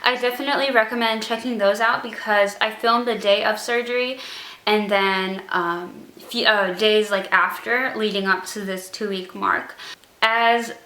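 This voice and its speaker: A woman's voice: mid-range voice, fairly even intonation, measured pace, pushed and bright, roomy sound, poor audio. A young woman vlogging casually, struggling to pronounce her words after jaw surgery, rambling and self-conscious with many fillers. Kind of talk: casual vlog update.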